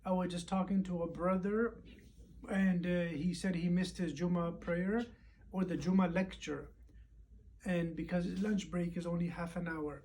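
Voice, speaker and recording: A hoarse man who is losing his voice gives a casual, reflective recap of a Friday lecture at home, pausing often and using fillers. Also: high-pitched, little pitch movement, darkish tone, slight background noise. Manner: unhurried and reflective, with frequent pauses and fillers.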